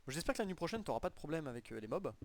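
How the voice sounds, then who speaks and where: A man's voice: a little high, sing-song, very fast, slight background noise. A young man giving casual gameplay commentary as a video host, using colloquial street slang and swearing.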